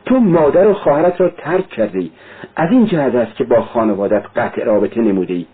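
A man voicing an anguished, devout young woman who cries out and pleads in a high voice. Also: animated, husky. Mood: pleading. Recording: narrow lo-fi radio-like sound.

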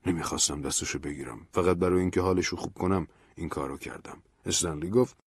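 A man's voice: low voice, husky, dry recording, studio quality. A man narrating a story in the first person, reading it aloud expressively. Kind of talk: audiobook narration.

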